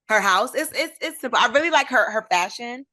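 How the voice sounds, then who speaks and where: A woman co-hosting a podcast in casual chat, talking quickly and chattily. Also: on the high side, expressive, pushed and bright, no echo. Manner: chatty and quick, laughs easily. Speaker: podcast co-host.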